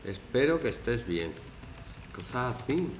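A man from Spain teaching a classroom lesson, animated and acting out quoted phrases in mocking voices. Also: medium pitch, measured pace, roomy sound, slight background noise.

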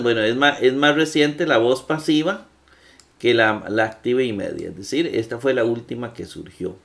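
A man with a mid-range, slightly bright voice gives a classroom lecture on Greek grammar. He speaks slowly and patiently, using many fillers and frequently checking in with his students.

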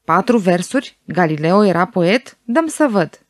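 A woman's voice: fairly low pitch, lively intonation, no echo, studio quality, close to an everyday voice. A woman voicing a male professor who talks urgently as he works out a puzzle. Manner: urgent, quickening speech.

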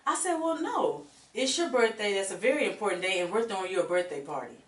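A woman's voice: medium pitch, very animated, quick pace, far from the mic. Chatty woman host, echoey and off-mic. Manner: chatty, laughs often, storytelling. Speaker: radio show host. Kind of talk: casual interview chat. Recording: echoey room, voice off-mic, faint noise.

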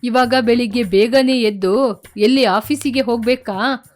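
Whiny, silly young wife, high voice, animated story, woman doing it. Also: unhurried, faint music behind, natural voice. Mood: whining. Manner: whiny, complaining. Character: greedy silly young daughter-in-law, noodle-obsessed.

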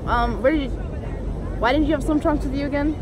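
A woman's voice: sits high, a little fast. A young woman chatting casually to her phone camera at the beach, teasing and laughing with family. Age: young adult. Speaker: vlogger. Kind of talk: casual beach vlog chat. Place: crowded sunny beach outdoors. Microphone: phone camera at arm's length. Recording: phone audio with loud beach crowd. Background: beach crowd and wind noise.

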